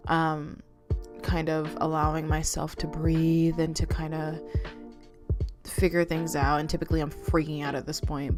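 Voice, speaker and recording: Low-voiced young woman vlogging, music behind. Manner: rambling, many fillers and restarts, soft-spoken. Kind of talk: casual confessional talk to camera.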